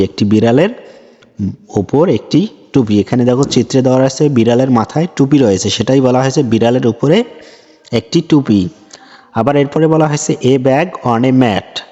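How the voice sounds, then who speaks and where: A man teaching a children's English lesson, explaining words slowly and patiently and repeating each one. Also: mid-range voice, warm tone. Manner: slow, patient, repeats each word and meaning. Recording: dull lo-fi sound with long reverb.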